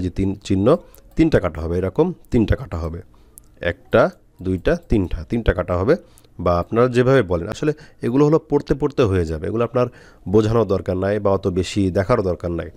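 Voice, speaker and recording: A man teaching Quran reading, spelling out letters and syllables slowly with frequent pauses. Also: fairly low pitch, expressive, a little mellow, no room sound. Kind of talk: step-by-step spelling lesson.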